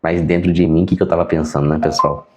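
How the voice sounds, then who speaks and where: A man's voice: extremely low pitch, quick pace. A man with a Brazilian accent, a sign language teacher and interpreter, telling stories in a casual lesson and acting out the dialogue. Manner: animated, acts out quoted dialogue. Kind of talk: casual storytelling lesson to viewers.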